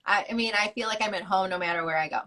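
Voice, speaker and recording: Young woman guest just chatting openly about her life, talks easy and honest, mid pitch. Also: racing, sharp tone. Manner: candid, chatty storyteller. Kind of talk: casual interview chat. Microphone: video call.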